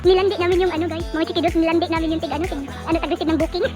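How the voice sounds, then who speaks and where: A woman's voice: very high voice, fairly even intonation, racing, over music. A woman with a Filipino accent chatting casually for her vlog at an outdoor zipline park, giggly and mixing Tagalog with English. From Philippines. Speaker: vlogger.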